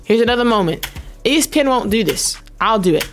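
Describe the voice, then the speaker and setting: A woman's voice: fairly high pitch, lively intonation, fast talker, soft background music. A woman hosting her own channel, giving playful, joking commentary over basketball footage and slipping into mock slang. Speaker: host analyzing basketball footage.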